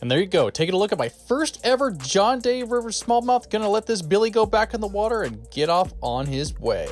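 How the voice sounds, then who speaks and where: A man's voice: sits high, a little fast, over music. A man in his thirties hosting a fishing vlog, narrating upbeat and whooping when he lands a fish. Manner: upbeat, excited whoops on catches. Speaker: fishing vlogger. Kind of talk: voice-over narration and live reactions. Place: small fishing boat on a river outdoors.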